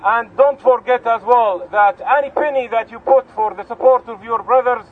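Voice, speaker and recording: A man's voice: extremely high pitch, moderate pace. Earnest Palestinian man at a rally. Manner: earnest, repeats and restarts phrases. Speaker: rally speaker. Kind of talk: speech at an outdoor rally. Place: outdoor street rally. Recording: tinny lo-fi outdoor recording.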